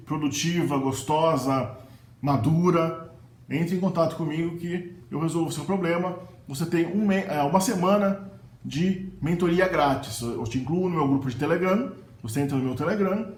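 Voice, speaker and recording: A man with a Brazilian Portuguese accent giving a casual lesson, patiently repeating example words slowly. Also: on the high side, darkish tone. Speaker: language teacher and mentor. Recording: echoey room with faint noise.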